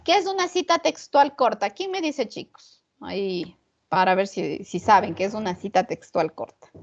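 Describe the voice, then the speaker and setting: A woman's voice: medium pitch, expressive, moderate pace. A woman teaching an online class on punctuation, often checking in with rhetorical questions to her students. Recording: muffled lo-fi online class audio.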